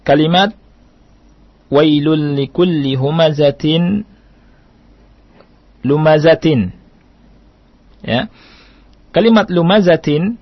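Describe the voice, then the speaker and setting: A man teaching recitation rules in an Indonesian radio lesson, patient and repetitive, sometimes chanting verses slowly. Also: on the high side, slightly rough, no room sound. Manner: patient, repeats key points, chants Arabic verses slowly. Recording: dull dry radio broadcast.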